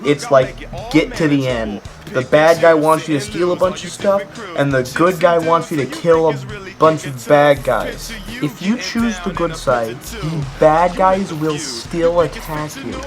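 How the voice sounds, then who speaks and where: A man's voice: a little high, measured pace, music in the background. A young man giving a casual, comedic video game review, sarcastic and jokey, ranting with mock outrage.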